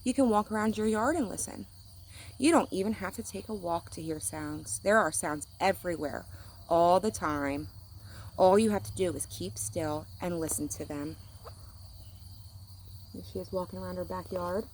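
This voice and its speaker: A woman teacher reading a children's picture book aloud in a gentle, clear manner. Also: fairly low pitch, moderate pace, slight background noise. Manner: gentle, clear, playful animal sounds. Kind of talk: children's storybook read-aloud.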